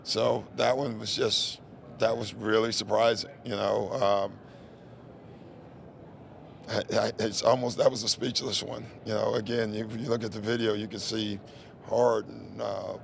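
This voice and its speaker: A man's voice: fairly low pitch, steady tone, moderate pace, creaky, a little hiss or hum. A man who coaches a team, answering reporters at a postgame press conference in a candid, conversational way, often saying "you know" and "listen". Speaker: head coach.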